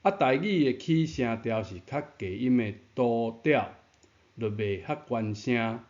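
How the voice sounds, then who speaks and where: A man's voice: medium pitch, animated, unhurried, a little mellow. A man giving a patient pronunciation lesson, repeating key points and asking rhetorical questions. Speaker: Taiwanese language teacher. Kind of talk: explanatory lesson narration. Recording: dull lo-fi sound.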